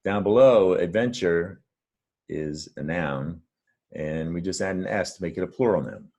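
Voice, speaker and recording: A man's voice: low-pitched, measured pace, a little mellow, highs cut off. A man teaching a reading lesson, patient and encouraging as he explains words step by step. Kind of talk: friendly reading lesson to camera.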